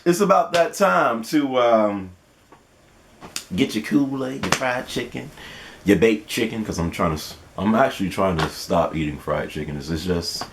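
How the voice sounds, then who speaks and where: A young man in his twenties chats through a casual question-and-answer vlog for his channel. His voice sits low but swings freely, and he laughs often in a playful, animated way. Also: normal speed, slight background noise. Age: 20s. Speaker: gaming channel host.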